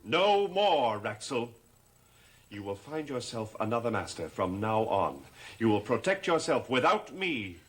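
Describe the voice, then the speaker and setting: In a gothic soap opera, an actor plays the brooding, resolute master of a cursed house, delivering lines deliberately, commandingly, and dramatically. His male voice is medium-pitched and very animated.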